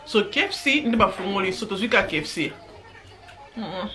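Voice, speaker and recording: A woman's voice: medium pitch, animated, brisk, bright, forceful tone. A woman talking casually in a family vlog, switching languages and murmuring while she eats. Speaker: vlogger. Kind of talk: casual family vlog, mixing French and Lingala.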